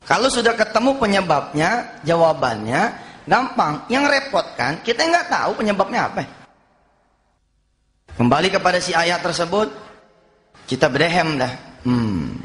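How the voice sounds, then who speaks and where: A middle-aged man preaching a sermon, telling stories and acting out the dialogue with lively energy. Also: high-pitched, moderate pace, pauses often. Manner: lively storytelling, acts out dialogue. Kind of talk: sermon with anecdotes. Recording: long hall reverb.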